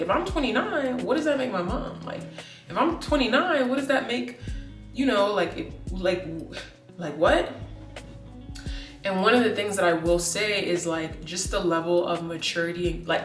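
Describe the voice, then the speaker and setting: A woman in her late twenties with a lowish voice rambles through a casual vlog chat, peppering her thoughts with "like" and doubling back mid-sentence. She sounds set back from the mic in an echoey room. Faint music plays underneath. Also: a bit bright, far from the mic. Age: 20s. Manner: rambling, many "like" fillers and restarts. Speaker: vlogger.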